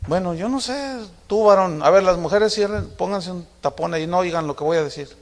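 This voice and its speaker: A man's voice: high voice, steady tone, a little fast. A middle-aged man, preaching a sermon in a conversational, storytelling way, acting out family conversations with humor. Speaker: pastor. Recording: long hall reverb.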